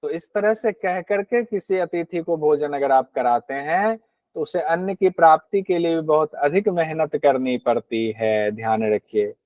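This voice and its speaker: A man's voice: fairly high pitch, measured pace, no room sound, highs cut off. A man teaching a Hindi lecture on scripture, explaining verses and asking and answering his own questions. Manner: acts out rude and grudging hosts in quoted asides.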